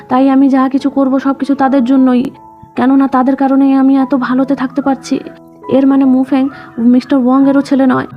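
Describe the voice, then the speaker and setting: A woman narrating a drama recap in a scripted storytelling read, voicing the quoted lines in her same even narrating voice. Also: high voice. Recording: dull lo-fi voice-over with background music.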